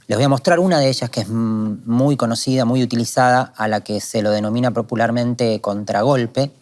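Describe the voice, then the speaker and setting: A calm, methodical man from Argentina, explaining guitar strumming technique in a lesson. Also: mid-range voice. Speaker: guitar teacher. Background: guitar playing.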